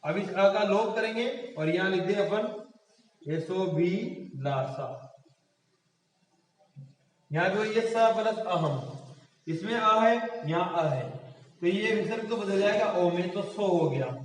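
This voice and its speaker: Man with a Rajasthani Hindi accent, grammar teacher, high voice, recorded from a distance in a very echoey hall. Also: slow pace, pauses often. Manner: explains step by step, asks and answers his own questions. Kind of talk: classroom grammar lesson. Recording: echoey hall, far from the mic.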